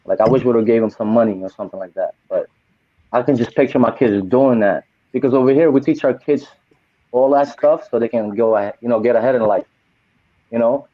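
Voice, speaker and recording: A man in his forties, a podcast co-host who volunteers on trips, talks casually at a medium pitch and a slightly quick pace. He sounds loose and heartfelt, dropping "you know" throughout. The recording is dry with no room sound and has a tinny, phone-like quality.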